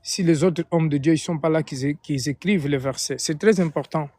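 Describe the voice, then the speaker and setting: Speaking briskly in a slightly high voice with a darkish tone, an Angolan man with an Angolan Portuguese accent leads a live stream. Portuguese is his native language, and his informal preaching and praying is marked by frequent repetition and rephrasing.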